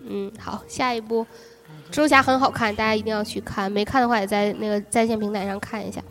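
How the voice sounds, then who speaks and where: A woman co-hosting a casual film-review podcast, talking in a relaxed, agreeable way. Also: medium pitch, fast talker. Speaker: podcast co-host. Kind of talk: casual chat reviewing films.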